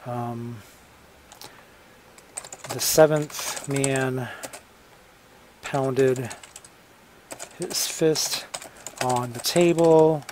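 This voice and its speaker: Very slow, halting story dictation. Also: medium pitch, steady tone, a little mellow, slight background noise. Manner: halting, stops often to revise wording. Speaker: novelist writing a draft live. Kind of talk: dictating fiction while typing. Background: computer keyboard typing.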